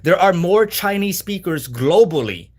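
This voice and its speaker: A man's voice: sits high, lively intonation, unhurried, slightly rough. A man arguing insistently in an online debate, repeating himself, cutting in and swearing. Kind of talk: heated argument in an online debate.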